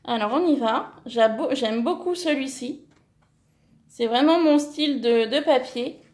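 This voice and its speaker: Bright, high-pitched woman vlogger, chatty and gushing, self-correcting, relaxed at-home haul. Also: unhurried, reverberant. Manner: enthusiastic, many fillers, self-correcting. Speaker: scrapbooking vlogger. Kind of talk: casual haul vlog, showing paper.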